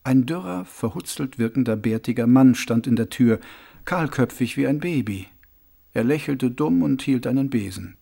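A man's voice: medium pitch, moderate pace, creaky, breathy edge. A man reading a novel aloud as narrator, telling it expressively. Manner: expressive storytelling. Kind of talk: audiobook reading.

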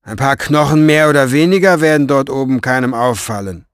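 A man voicing a scheming, vain, gloating male villain in a storybook reading, with a velvety voice and a mocking, drawn-out, theatrical delivery. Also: medium pitch, no room sound, studio quality, close to an everyday voice.

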